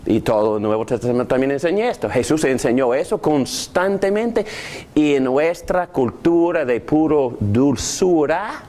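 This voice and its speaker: A man's voice: a little high, measured pace. A man teaching a Bible class on prayer, asking his students questions as he goes. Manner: animated, asks the class questions.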